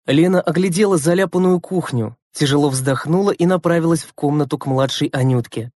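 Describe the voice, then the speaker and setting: A woman's voice: deep voice, dry recording, studio quality. Woman reading a children's story. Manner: expressive, measured storytelling. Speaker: narrator.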